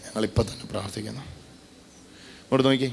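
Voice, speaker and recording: A man's voice: on the low side, steady tone, quick pace, gravelly, slight background noise. A man preaching a sermon and praying for healing before a congregation, fervent and emphatic, with a lot of repetition. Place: church gathering.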